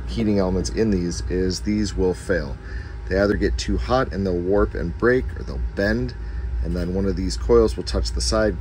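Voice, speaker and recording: A man hosting a casual DIY how-to video, explaining step by step in an informal way, in a basement room. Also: sits low. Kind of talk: casual how-to repair narration. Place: noisy basement furnace room at home. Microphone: handheld camera's microphone. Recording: background noise from basement furnace room.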